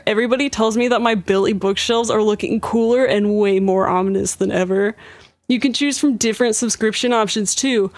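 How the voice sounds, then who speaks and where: A woman's voice: a little high, dry recording, close to an everyday voice. A woman voicing a laid-back young surfer-bro man reading a parody ad in slangy, salesy bro talk. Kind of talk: parody ad read.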